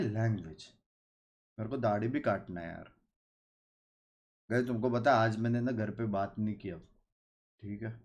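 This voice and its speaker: A man's voice: medium pitch, darkish tone. Young indian man, casual stream host, jokey, chatty, mixes in english. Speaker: streamer hosting a watch party. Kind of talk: casual live-stream chat with viewers.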